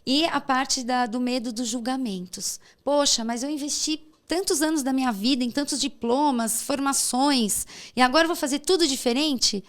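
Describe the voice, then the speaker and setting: A woman's voice: high voice, normal speed, few pauses. A woman as a podcast guest, giving casual, reflective advice in an encouraging way and checking for agreement. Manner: encouraging, seeks agreement with tag questions.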